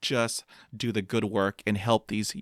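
A man in his fifties, a guest in an interview, speaks upbeat and motivational while stuttering on repeated sounds. His voice is lowish and level, his pace measured, and the studio sound is clean with no echo.

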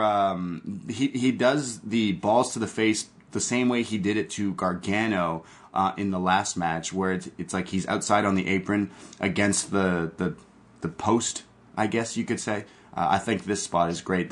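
A man with a fairly low voice hosts a wrestling talk show. He commentates casually, walking through the action move by move with a fan's enthusiasm. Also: a little slow. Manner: enthusiastic fan-like play-by-play retelling. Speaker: podcast host recapping wrestling.

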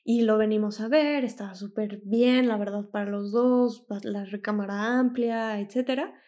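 A woman's voice: medium pitch, fairly even intonation, moderate pace, mellow. A young adult woman, co-hosting a podcast and telling a story in casual chat, quoting others and laughing often. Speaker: podcast co-host.

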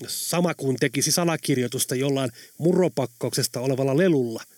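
A man reading an audiobook, voicing an excitable adult man who speaks loudly and emphatically. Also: medium pitch, no echo, studio quality, close to an everyday voice. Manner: emphatic, loud.

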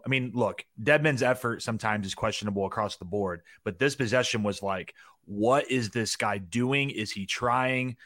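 Man, lowish voice, sports-podcast analyst, animated, dry mic. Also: no room sound. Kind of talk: casual sports podcast chat.

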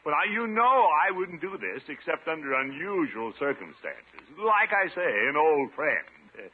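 A man's voice: fairly high pitch, big pitch swings, normal speed, breathy edge. A man playing a boastful, jovial middle-aged uncle in a 1950s radio comedy, with a pompous, hearty, hesitating manner. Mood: sheepish, placating. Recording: old radio recording, narrow band, hissy.

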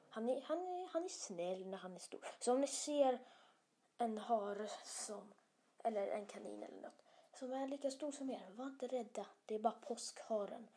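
Breathy woman whispering a bedtime story. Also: mid-range voice, darkish tone. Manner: casual, hesitant, many fillers and restarts.

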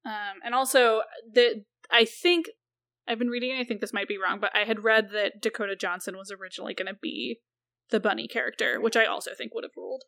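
A woman's voice: a little high, steady tone, fairly quick, creaky, a bit bright. A woman co-hosting a casual podcast chat about a film, chatty and swearing freely, with lots of "like". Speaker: podcast co-host.

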